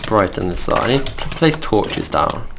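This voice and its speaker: A man's voice: on the low side, very animated, normal speed, creaky, background noise. A young man from the middle of England with a Midlands accent, chatting casually and rambling as he plays and hosts a game video. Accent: Midlands English. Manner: chatty, rambling, easily distracted. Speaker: gaming channel host.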